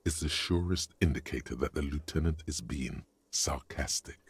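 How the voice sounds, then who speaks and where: A man voicing a grave, omniscient inner-voice narrator in a video game, speaking in a slow, ominous and wry way. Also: extremely low pitch, gravelly, heavy background noise. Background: music.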